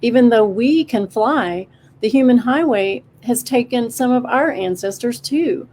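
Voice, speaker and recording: A kindly owl chairing a meeting of animals, voiced by a woman reader speaks in a calm, measured way. His voice rides a little above her narrating tone. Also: fairly high pitch, slight background noise, voice pushed up. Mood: steady. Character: wise male owl leading a forest council. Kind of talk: storybook character voice.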